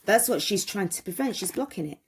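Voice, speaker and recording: A woman's voice: mid-range voice, animated, fairly quick, husky. A woman giving a tarot reading, talking emphatically, repeating phrases and asking viewers questions. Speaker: tarot reader.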